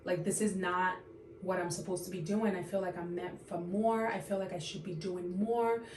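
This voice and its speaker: A woman's voice: fairly low pitch, fairly even intonation, darkish tone, roomy sound, a little hiss or hum. Tearful woman in her thirties, sighing. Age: 30s. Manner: tearful, halting, full of fillers and sighs. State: on the verge of tears. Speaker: vlogger. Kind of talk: unscripted emotional confession to camera.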